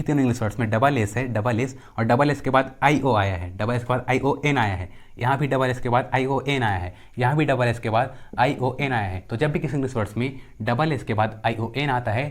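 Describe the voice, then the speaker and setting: A young man teaching pronunciation, repeating each rule and example word and answering his own questions. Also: medium pitch. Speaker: English teacher. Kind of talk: pronunciation lesson.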